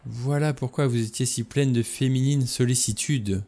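A man's voice: mid-range voice, steady tone, normal speed, warm tone, close to an everyday voice. A man reading a novel aloud, voicing a menacing, mocking adventurer in a raised, snarling voice. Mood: sneering.

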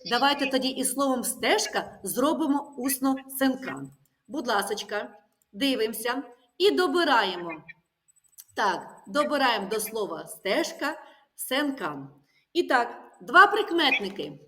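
A woman's voice: on the high side, big pitch swings, measured pace, sharp tone. A woman teaching a primary school class, patiently asking questions and repeating the pupils' answers back to them. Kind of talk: classroom lesson.

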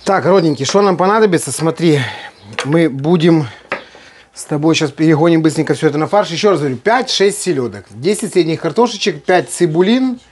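A man's voice: on the high side, lively intonation, a little fast, a little mellow, slightly rough. A man chatting casually as he cooks, playful and folksy, full of fond diminutives. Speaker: host of a home cooking video. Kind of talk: casual cooking chat while working. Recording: noisy kitchen, clattering and clicking. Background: kitchen work noise.

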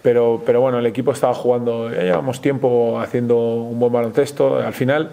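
A man with a Spanish accent, a basketball coach answering questions at a post-game press conference in a measured way, with many hesitations and restarts. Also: medium pitch, flat delivery, creaky, mellow.

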